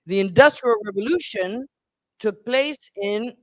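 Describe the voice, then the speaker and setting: A woman's voice: fairly high pitch, a bit bright, no echo, rough recording. Woman giving a dry, close lecture. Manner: poses questions to the audience and answers them herself; deliberate, with frequent restarts and repeated words. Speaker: university professor giving a guest lecture. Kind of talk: academic lecture.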